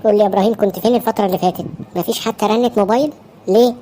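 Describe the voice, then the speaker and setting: A woman's voice: mid-range voice, rapid-fire, warm tone, a little hiss or hum, natural voice. A woman playing a teasing young Egyptian woman. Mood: curious. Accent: Egyptian Arabic. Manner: teasing, prying. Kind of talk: Egyptian cartoon dub acting.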